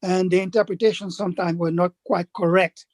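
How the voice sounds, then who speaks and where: A man's voice: high-pitched, level tone, darkish tone, no echo. Older man telling his story. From Dominican Republic, raised Haitian. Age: 80s. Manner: measured storytelling, acts out quoted speakers. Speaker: interview guest, publisher. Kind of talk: recounting his life in an interview.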